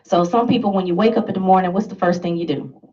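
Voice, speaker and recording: A woman's voice: fairly low pitch, fast talker, mellow, recorded from a distance, dull audio. A woman giving an emphatic motivational talk to a live audience, laughing and asking the listeners questions. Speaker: motivational speaker.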